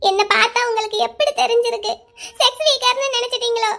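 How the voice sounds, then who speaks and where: A woman voicing a hurt young wife in a cartoon drama, crying and accusing her husband loudly. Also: very high-pitched, steady tone, quick pace. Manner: loud, accusing, bitter. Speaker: voice actor.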